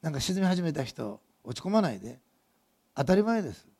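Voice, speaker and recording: Male pastor, sermon; gravelly and husky, animated storyteller who talks with his congregation. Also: a little high, fairly quick. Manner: lively storytelling preacher who asks the congregation questions.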